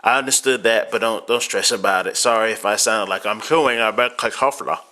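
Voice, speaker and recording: A young American man from Miami hosts a casual question-and-answer podcast. His voice is bright and forceful, though his throat sounds sore and rough. He rambles loosely, with plenty of fillers and restarts. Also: on the low side, brisk. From Miami, United States.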